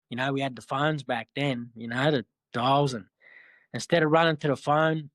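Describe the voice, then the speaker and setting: Halting Australian man, dry sound. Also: medium pitch, a bit bright, no echo. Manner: halting, repeats words, frequent "you know". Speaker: guest sharing his life story. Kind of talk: personal storytelling.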